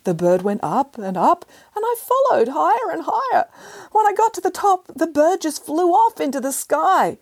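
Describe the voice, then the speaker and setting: A woman voicing a stubborn, whiny female tabby cat in a storybook, high and wailing. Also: big pitch swings, normal speed, full character voice. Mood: plaintive.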